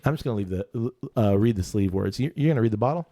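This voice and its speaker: Podcast co-host, male, mellow tone, lively playful delivery, laughs easily. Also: fairly low pitch, quick pace. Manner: playful, laughs often, reads labels aloud in a mock-grand voice. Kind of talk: casual whiskey tasting chat.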